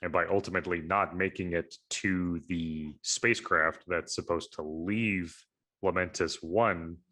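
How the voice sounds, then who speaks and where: Low-pitched male co-host, bright edge, thinks aloud in long meandering casual chat. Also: fairly even intonation, a little slow. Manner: analytical, rambling with fillers. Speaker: podcast co-host.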